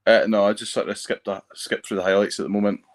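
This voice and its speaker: A man's voice: on the low side, flat delivery, quick pace. A man co-hosting a casual chat, hesitant and often trailing off mid-thought. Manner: hesitant, trails off while thinking. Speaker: co-host. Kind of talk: casual chat, live reactions. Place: at home watching TV.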